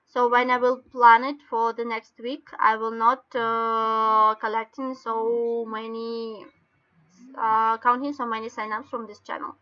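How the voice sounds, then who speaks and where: A woman with a Russian accent explains things step by step in halting non-native English, like an informal online training session. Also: on the high side, level tone. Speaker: webinar presenter. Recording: dull lo-fi webinar call audio.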